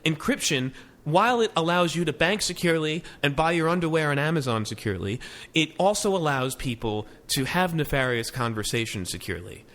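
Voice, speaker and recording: Sarcastic, animated man hosting a podcast. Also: fairly high pitch, brisk. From United States. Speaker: podcast host. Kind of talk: casual tech podcast chat.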